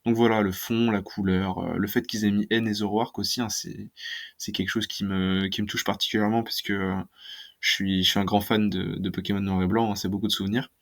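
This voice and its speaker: A card-collecting YouTuber chats casually about trading cards for his channel, sounding hesitant and using lots of fillers. His lowish voice is flat and brisk, with vocal fry.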